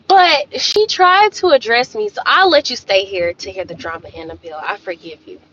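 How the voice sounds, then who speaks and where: A high-voiced woman hosts a livestream, telling a story with sass and calling her viewers y'all. Her pitch swings widely as she talks. The audio sounds a little dull and lo-fi. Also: slight background noise. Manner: animated, sassy, addresses viewers as y'all. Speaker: livestream host. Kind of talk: casual storytelling chat.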